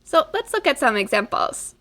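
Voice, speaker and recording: A woman teaching a recorded language lesson, drilling word forms slowly and carefully with frequent ums. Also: high voice, very animated, fairly bright tone.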